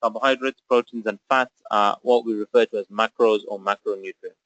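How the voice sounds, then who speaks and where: A man's voice: lowish voice, steady tone, brisk, a bit bright, dry recording, highs cut off. A man who grew up in Zambia, presenting a nutrition webinar in a step-by-step explanatory way with frequent filler sounds. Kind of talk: webinar lecture.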